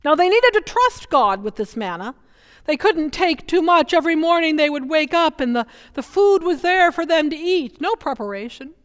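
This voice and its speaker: A woman's voice: high voice, lively intonation, normal speed. A woman pastor preaching a sermon in a conversational, humorous storytelling way, recorded in a church. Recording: reverberant church sanctuary.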